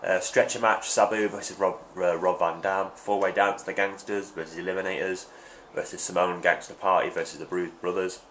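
Unboxing things at home in a small room, a young man in his twenties chats and rambles with plenty of ums, his voice congested by hay fever. He speaks low and level, a little fast with hardly any pauses, slightly bright. The vlog is recorded on a noisy desk webcam.

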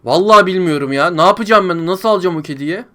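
A man with a noticeably high-pitched voice, narrating his gameplay for viewers in a chatty, frustrated way. He complains to the audience as if to friends and breaks into yells when the game turns on him. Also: quick pace. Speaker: gaming YouTuber. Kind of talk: let's play commentary.

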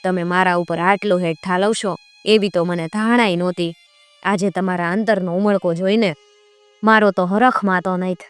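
A woman's voice: fairly low pitch, steady tone, normal speed, smooth, soft background music, close to an everyday voice. A crude, lovesick village cowherd man, as a woman storyteller puts him on. He talks plainly with a wounded, grumbling edge. The voice stays close to her own telling voice. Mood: pleased.

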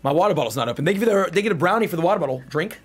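Opening card packs live from his home streaming room, a young adult man chats loosely with viewers in slangy, bro-heavy style, flipping from quiet muttered asides to loud hype calls. His voice is husky, fairly high and very animated in pitch, and he talks very fast, with faint music behind him.

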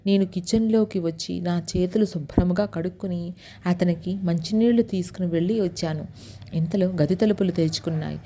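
Storyteller, woman, Telugu accent, deep mellow tone, steady narration, a little low. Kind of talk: first-person story narration.

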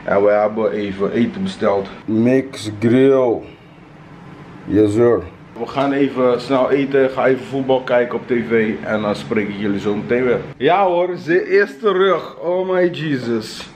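Casual male vlogger, thirties, medium pitch, handheld home recording with slight background noise. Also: measured pace, a little mellow. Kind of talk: casual vlog chat to camera. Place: at home indoors, rooms with hard floors and walls. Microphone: handheld camera at arm's length.

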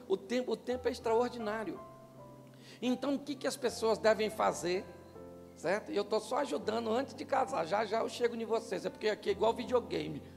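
An older Brazilian pastor with a gravelly, high male voice speaks at normal speed in a Brazilian Portuguese accent. He delivers a humorous marriage talk to couples from a church stage in a large hall, using a handheld microphone and joking animatedly as he asks the crowd questions. The recording, made live in the hall, has long reverb and faint music.

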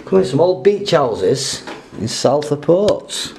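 With a handheld camera mic picking up noisy, reverberant sound and crowd noise, this vlogger from England explores an abandoned house while narrating. His voice sits on the high side, slow, creaky, and sing-song, and his commentary is jokey and rambling, peppered with casual swearing.

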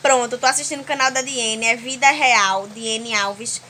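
A young woman with a Brazilian accent chats through a home vlog, keeping up a friendly stream of talk to her viewers. Her voice is bright and sits a little high. She holds the phone at arm's length in a small room at home. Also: fairly even intonation, normal speed, slight background noise. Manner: chatty, keeps addressing viewers warmly with diminutives. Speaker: home vlogger.

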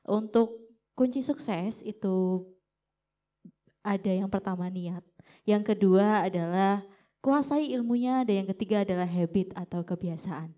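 A woman's voice: medium pitch, measured pace, pauses often, warm tone. Female moderator, polite and orderly, summarizing the session and closing it out. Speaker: event moderator. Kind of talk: closing remarks. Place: lecture hall.

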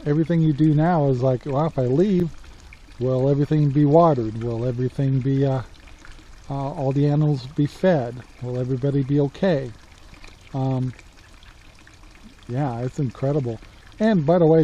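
Out in a rural yard, a Central Oregon man in his sixties chats informally for his homesteading vlog, plainspoken and heavy on filler words. His voice is warm and medium-pitched. A handheld camera at arm's length captures him in dull lo-fi audio with a faint outdoor backdrop.

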